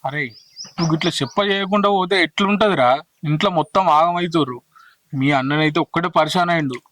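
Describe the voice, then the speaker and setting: A male actor voices a younger brother and go-between in a village drama, pressing his family urgently in a Telangana Telugu accent. His delivery is fast, fairly high-pitched and a bit bright, close to ordinary speech, with no room sound.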